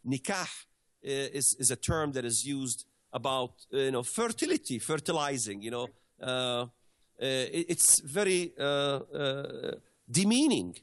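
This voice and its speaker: Male guest commentator from the Middle East, mid-pitched, halting delivery with lots of fillers. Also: expressive, a bit bright. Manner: hesitant, many fillers and restarts. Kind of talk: conversational explanation.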